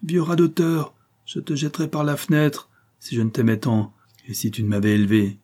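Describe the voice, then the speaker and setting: A man's voice: on the low side, flat delivery, fast, mellow, slightly rough. A man voicing a male impostor nobleman in an audiobook, with curt, haughty and angry outbursts.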